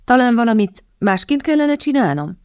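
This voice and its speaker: A woman reading the lines of a sharp-witted, impatient young woman in an audiobook, speaking in a pointed, indignant way. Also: fairly high pitch, sing-song, clear, resonant tone, no room sound, voice pushed up. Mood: pressing.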